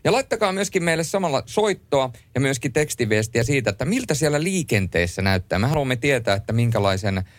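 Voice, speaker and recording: A man hosting a late-night radio show in a studio, chatting and joking lively and reading listener messages aloud. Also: mid-range voice, hardly any pauses, no room sound. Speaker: radio host. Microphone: studio microphone.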